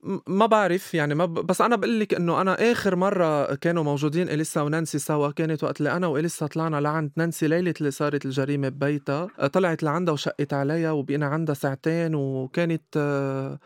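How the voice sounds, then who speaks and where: A Lebanese man chatting in an interview in a fairly high male voice and a dry, close recording. He talks very fast, with stammered starts and repeated words, in a Levantine Arabic accent. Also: fairly even intonation, dry recording. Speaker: interview guest. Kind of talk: casual conversational interview.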